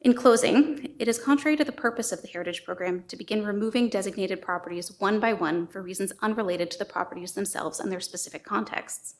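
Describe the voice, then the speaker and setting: A woman presenting a heritage board recommendation, reading a formal prepared statement. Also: medium pitch. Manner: brisk, formal.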